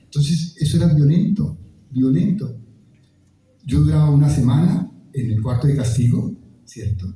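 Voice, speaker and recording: A man's voice: a little high, moderate pace, mellow, far from the mic. Colombian man, echoey hall testimony. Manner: emotional storytelling, acts out crowd voices. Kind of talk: testimony talk.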